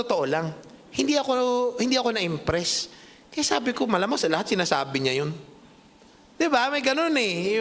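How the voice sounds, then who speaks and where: Man, Filipino accent, pastor's sermon, fairly high voice, very expressive intonation. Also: gravelly, big-room sound. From Philippines. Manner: animated storytelling mixing English and Tagalog. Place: church hall.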